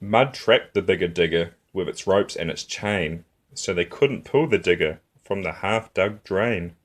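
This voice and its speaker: A man acting as a storytime host reads a rhyming picture book to young children, expressive and rhythmic. His voice is low and he takes his time.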